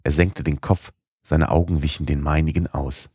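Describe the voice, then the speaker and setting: A man narrates an audiobook in a measured, expressive way. His voice is extremely deep and husky. The recording is dry and close, with no room sound. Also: no echo.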